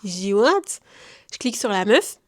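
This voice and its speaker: A woman's voice: mid-range voice, normal speed. A young woman from France telling a personal story in casual slang, acting out what people said. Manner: chatty, lively slang, acts out quotes. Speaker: vlogger giving testimony.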